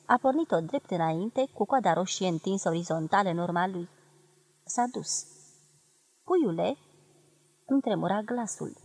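A woman from Romania giving a measured, expressive literary reading of a memoir. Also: mid-range voice, slightly rough, dry recording. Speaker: reader of a memoir.

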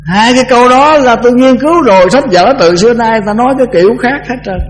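An older man, a Buddhist monk, giving a conversational dharma talk that often repeats words and slows down to chant verses. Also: very high-pitched, faint music behind, poor audio.

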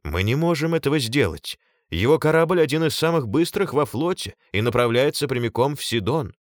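A man's voice: medium pitch, lively intonation, brisk, no room sound, clean studio sound, voice pushed up, lightly acted. A man reading an audiobook and voicing a frightened chief of the guard who speaks hesitantly and stammers. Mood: fearful.

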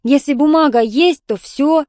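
A woman's voice: high voice, a little slow, a little mellow, no echo, studio quality, pitched above the performer's own voice. A woman reading the part of a blunt neighbor woman who waves things off. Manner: blunt, dismissive.

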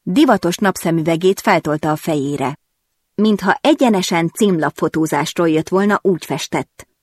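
Low-voiced woman narrating an audiobook. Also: no echo, studio quality. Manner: expressive, even storytelling. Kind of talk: first-person audiobook narration.

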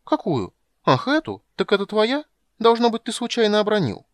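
Man doing a shrill cheeky kender trickster. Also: wildly swooping pitch, normal speed, no room sound, clean studio sound. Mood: innocent. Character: mischievous chattering kender, small male trickster.

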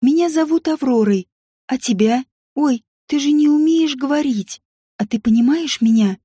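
A woman voicing a lonely, gentle little princess girl who speaks in an earnest, childlike way. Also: high voice, moderate pace, no room sound, studio quality, lightly acted. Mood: gentle, delighted.

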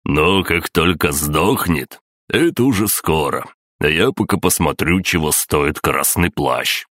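A man's voice: extremely low pitch, lively intonation, measured pace, fairly bright tone, no room sound, studio quality, exaggerated voice. A man reading an audiobook, voicing a brash, boastful male viking warrior with a mocking, swaggering manner.

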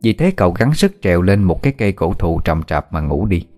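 A man narrating a dramatic story in a steady, measured storytelling manner. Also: sits low, soft background music.

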